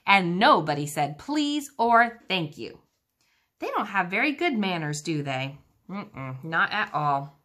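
A woman's voice: fairly low pitch, big pitch swings, slow, bright, forceful tone. A woman teacher reading a children's book aloud, engaging her young listeners with questions about the pictures.

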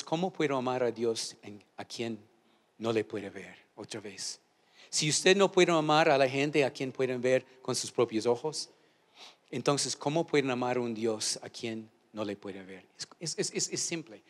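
Emphatic preaching pastor, a man. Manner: emphatic call-and-response preaching; swings from loud shouts to low hushed asides. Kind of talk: sermon. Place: church auditorium.

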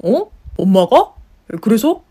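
A woman's voice: fairly high pitch, very animated, takes it slowly, mellow, husky, full character voice. A woman voicing a whiny, jobless young husband in a story-radio drama, grumbling and sulking. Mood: sulky. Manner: grumbling, sulky complaints.

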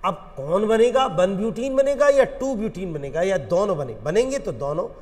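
A male chemistry teacher with an Indian accent explains reactions in a lively, sing-song lecture voice that sits high and swings widely in pitch. His words ring with a long reverb from the room around him. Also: moderate pace. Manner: animated, coaxing, addresses students as friends. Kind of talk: classroom lecture.

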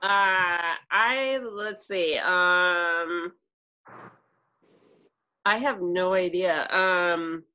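A woman's voice: fairly low pitch, very slow, long pauses, bright, forceful tone, dull audio. A woman answering a quiz question in casual chat, hesitant and full of ums. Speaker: quiz contestant.

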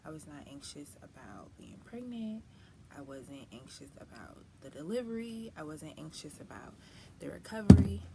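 A woman with a somewhat low voice talks candidly in a personal vlog about life as a new mother. Her delivery is chatty and expressive, full of folksy phrases and emphatic lifts. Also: moderate pace, very noisy. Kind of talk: personal casual vlog talk.

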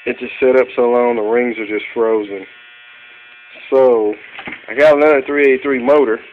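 An ordinary guy, an amateur mechanic vlogger, casually walks through engine parts in his cluttered garage workshop. His mid-pitched voice is steady at a moderate pace. Filmed on a handheld phone from behind the camera, the audio is tinny with electrical hum.

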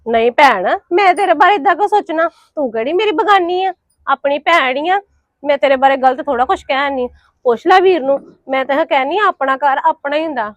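A woman's voice: high-pitched, animated, a little fast, dry recording. A woman playing a needling, scheming sister. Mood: placating. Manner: pointed, needling. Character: scheming woman pushing her brother's marriage. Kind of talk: Punjabi family drama acting.

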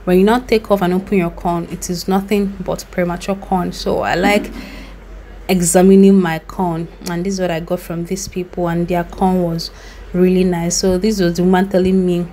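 A woman's voice: on the low side, little pitch movement, normal speed, dark tone, a little hiss or hum. A young Nigerian woman narrating her road trip in a chatty, recommending voice-over with loose asides. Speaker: vlogger. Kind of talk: travel vlog voice-over.

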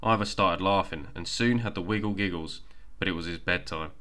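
A man narrating a bedtime storybook in a gentle, even reading voice. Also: sits low, fairly quick.

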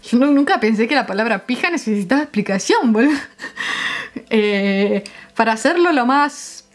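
Woman, Uruguayan accent, young adult, casual vlog, chatty, slightly high voice. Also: animated, brisk. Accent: Uruguayan Spanish. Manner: chatty, laughs often, searches for words. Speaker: vlogger. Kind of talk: casual vlog explaining slang.

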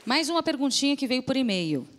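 High-voiced Brazilian woman presenting. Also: very animated, brisk, fairly bright tone, in a large hall. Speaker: TV lesson co-host. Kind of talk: scripted TV presenting.

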